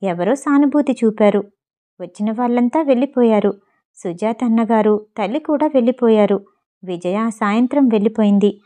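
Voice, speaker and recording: A woman narrating a Telugu family story in a steady, expressive reading style. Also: on the high side, normal speed. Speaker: audiobook narrator.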